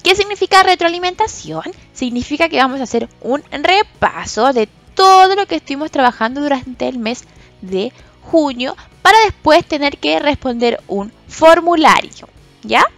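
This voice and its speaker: Patient woman teaching children, lively voice. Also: sits high, soft background music. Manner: slow, patient, stresses syllables loudly and drawn out when giving example words. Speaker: special education teacher. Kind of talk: recorded lesson for children.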